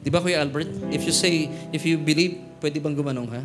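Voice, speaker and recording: A middle-aged Filipino pastor preaches in a slightly high voice, telling jokes and personal stories as he moves between Tagalog and English. Guitar music plays clearly under his words in the church. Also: brisk. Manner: humorous storytelling, mixing Tagalog and English. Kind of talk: sermon. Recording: music playing behind the voice.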